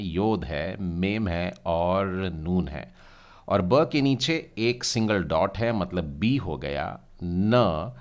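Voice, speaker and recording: Deep-voiced guy teaching a language class, slow and patient, sounding out each letter. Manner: addresses learners directly, asks them to read. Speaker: Hebrew teacher. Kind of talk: language lesson.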